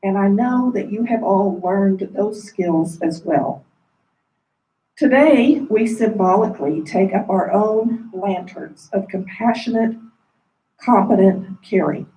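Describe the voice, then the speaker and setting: Mellow woman speaking formally through a mask. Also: mid-range voice, takes it slowly. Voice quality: muffled by a face mask. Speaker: nursing school dean giving a welcome speech. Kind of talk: formal ceremonial welcome speech. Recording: roomy echo, distant mic.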